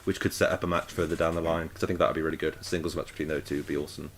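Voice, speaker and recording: A man's voice: very deep voice, flat delivery, very fast, creaky, a bit bright, slight background noise. A man hosting a casual wrestling podcast, repeating words as he thinks and steering who speaks next. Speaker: podcast host. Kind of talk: casual chat, wrestling predictions.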